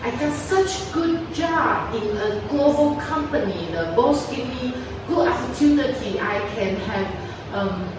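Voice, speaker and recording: A woman's voice: high-pitched, expressive, a little slow, hardly any pauses. Taiwanese woman, echoey distant room. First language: Mandarin. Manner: chatty, repeats words, laughs often. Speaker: speaker at a sharing event. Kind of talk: personal testimony talk. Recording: echoey room from far off, noisy.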